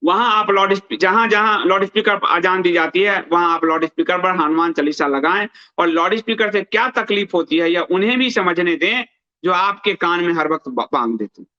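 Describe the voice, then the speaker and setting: With a high, sharp voice and a fairly quick pace, a male news commentary host reads items aloud and punctuates them with emphatic asides, repeating phrases to drive them home. The sound is dull and lo-fi, with a narrow band.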